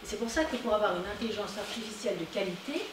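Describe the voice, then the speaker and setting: A woman giving a conference talk, animated and emphatic on her key points. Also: mid-range voice, racing. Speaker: conference speaker. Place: conference hall. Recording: echoey hall, distant mic, noisy.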